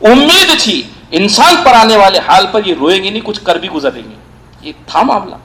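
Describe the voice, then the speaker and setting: A man's voice: high-pitched, sing-song, crowd noise, low-quality recording. A middle-aged man with an Indian Urdu accent, preaching an evening sermon and telling stories with emphatic repetition. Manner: emphatic storytelling, repeats phrases for stress. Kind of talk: evening sermon at a weekly gathering. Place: mosque centre.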